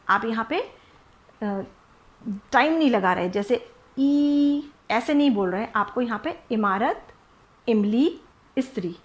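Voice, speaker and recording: A young woman teaching a nursery class, speaking patiently and repeating words slowly so children can follow. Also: fairly high pitch, highs cut off. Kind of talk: nursery Hindi lesson.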